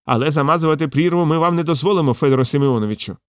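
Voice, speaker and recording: A pompous middle-aged pseudo-scientist with a high, piercing falsetto, as a male audiobook reader puts him on. He lectures and accuses in a shrill, preachy sing-song. The recording is close and dry. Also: racing, clean tone, no echo, lightly acted. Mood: lecturing. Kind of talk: audiobook character voice.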